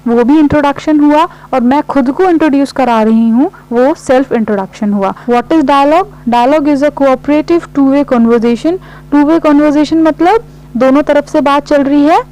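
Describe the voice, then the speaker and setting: A woman teacher, giving an exam-prep lesson. She reads definitions slowly, then explains them quickly. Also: sits high, darkish tone, rough recording.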